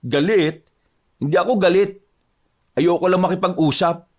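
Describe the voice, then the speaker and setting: A man's voice: mid-range voice, normal speed, close to an everyday voice. A man voicing an irritable, suspicious young husband who answers curtly, in a horror audio drama. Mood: snapping. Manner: curt, snapping.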